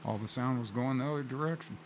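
A man's voice: mid-range voice, quick pace, a little hiss or hum, poor audio. An older man in casual chat, telling rambling concert stories with many restarts. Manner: rambling anecdotes with frequent restarts.

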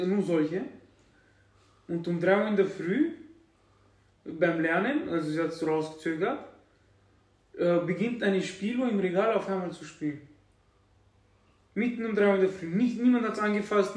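A young man chatting with friends, insistent and slangy, halting with fillers. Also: high-pitched, roomy sound, distant mic. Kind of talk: casual chat among friends.

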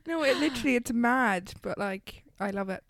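A young Irish woman in her twenties co-hosting a casual podcast, chatty and quick to laugh. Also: a little high, animated, creaky, fairly bright tone, no echo. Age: 20s. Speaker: podcast co-host. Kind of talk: casual chat.

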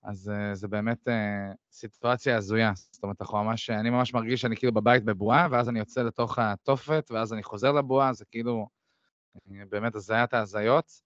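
A man in his thirties co-hosting a podcast, talking reflectively and often pausing on fillers. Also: fairly low pitch, fairly even intonation, a bit bright, no echo. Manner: reflective, many hesitant fillers. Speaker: podcast co-host. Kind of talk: casual podcast chat. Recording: dry, slightly dull sound.

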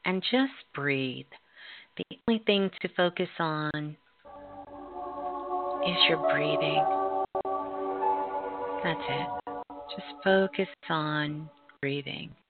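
A woman leads a guided meditation at a very slow pace, soothing and repetitive in her phrasing. Her voice sits a little low. The recording is dull and lo-fi, with prominent music behind her. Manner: soothing, unhurried, repeating phrases gently. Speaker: spirit class teacher leading a guided relaxation. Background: loud background music.

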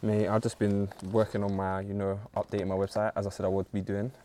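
A man's voice: on the low side, monotone, fast talker, dark tone, a little hiss or hum. A man, co-hosting a podcast and explaining things in an informal, chatty way. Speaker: podcast co-host. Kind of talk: casual podcast chat.

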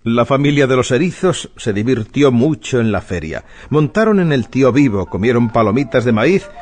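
A man narrating a children's radio story in a measured, expressive way. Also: medium pitch.

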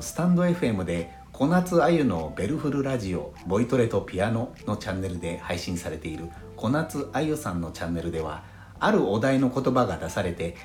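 A man from Fukushima hosting a solo audio podcast, talking in a calm, measured way. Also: fairly low pitch. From Fukushima, Japan. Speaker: podcast host. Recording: roomy sound with faint background music.

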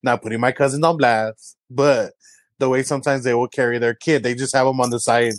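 A young man from San Antonio, telling stories in a casual chat, full of fillers and quick voices of people he mimics. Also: no room sound. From San Antonio, Texas. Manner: animated storyteller, many fillers, quick high-pitched mimicry of others. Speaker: guest, comedy creator.

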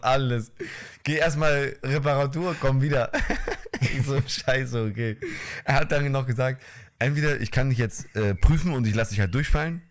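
A young man chats casually on a podcast, spinning a story in street slang. His voice sits at a middle pitch, and he laughs often as he talks. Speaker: podcast co-host. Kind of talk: casual chat.

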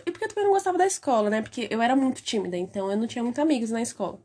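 A woman's voice: a little high, racing, slightly rough. A young woman, co-hosting a podcast and telling childhood stories with lots of laughter. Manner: giggly, animated storyteller. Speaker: podcast co-host. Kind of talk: casual podcast chat.

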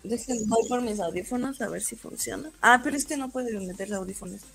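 A woman's voice: a little high, fairly quick, gravelly, fairly bright tone, slightly rough. A woman joining a casual online chat from her phone, her voice echoey and distant, apologizing as she fumbles with the setup. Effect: echoey sound from joining by phone. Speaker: panel guest.

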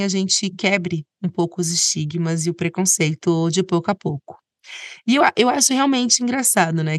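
A woman's voice: medium pitch, dry recording, studio quality. A woman with a Brazilian accent hosting a podcast in an informal, chatty and conversational way. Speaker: podcast host.

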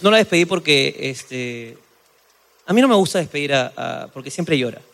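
A man co-hosting a comedy podcast, telling stories in an animated way and acting out other people's voices. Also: on the high side, moderate pace, vocal fry, in a large hall. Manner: animated storytelling, acts out voices, laughs often. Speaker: podcast co-host. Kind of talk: comedic casual chat.

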